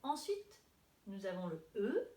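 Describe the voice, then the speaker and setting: A woman teaching a preschool class remotely, greeting children by name and leading a morning wake-up rhyme in a gentle, singsong, encouraging way. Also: slow. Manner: gentle, singsong and encouraging, with a lively rising pitch. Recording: echoey room, distant mic, faint hiss.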